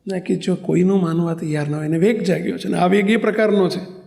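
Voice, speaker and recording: A monk delivers a sermon as a story, close and intimate. His voice sits high for a man and carries a gravelly rasp. He slips into the people of his stories as he talks. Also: fairly even intonation, fast talker, a little mellow. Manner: narrates intimately, acting out dialogue in higher voices.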